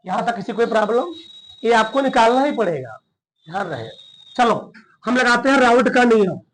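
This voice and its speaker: A man's voice: very high-pitched, animated, moderate pace, low-quality recording. A man teaching a chemistry lesson, working through a problem in a colloquial way and often checking that his students follow.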